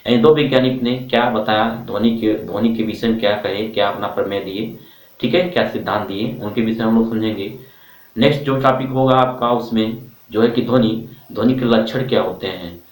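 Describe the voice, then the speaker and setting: A man's voice: lowish voice, fairly quick. A man teaching a class, who keeps asking the students questions and repeating the answers back to them. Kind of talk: classroom lecture. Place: classroom with a board. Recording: roomy, from far off.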